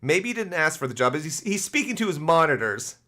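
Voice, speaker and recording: A man's voice: fairly high pitch, very animated, brisk, sharp tone. A Canadian man giving casual, sarcastic live-stream commentary, swearing freely and greeting chat viewers by name. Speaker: gaming streamer.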